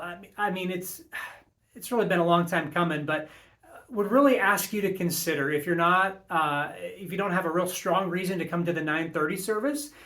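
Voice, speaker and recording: A man speaking as a pastor, giving church announcements in a measured, earnest, encouraging way. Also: high-pitched, a bit bright.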